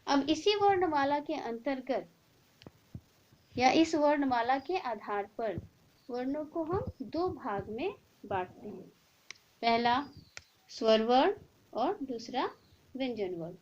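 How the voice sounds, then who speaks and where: A woman teacher explaining a grammar lesson slowly and deliberately, drawing out the example sounds. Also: sits high, expressive, darkish tone. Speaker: school teacher. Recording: dull lo-fi recording with faint noise.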